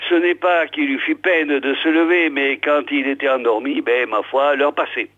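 A man's voice: on the high side, steady tone, normal speed. A man telling a folksy village tale, chatting to his listeners directly. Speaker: storyteller. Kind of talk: folksy oral storytelling. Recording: tinny phone-like old recording.

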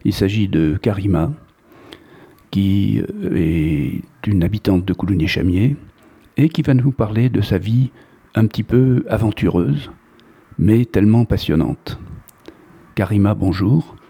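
A man's voice: on the low side, a little slow, vocal fry, dark tone, breathy edge. A man hosting a local radio interview show, introducing his guest formally and asking questions with some hesitation. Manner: formal presenter, with some fillers.

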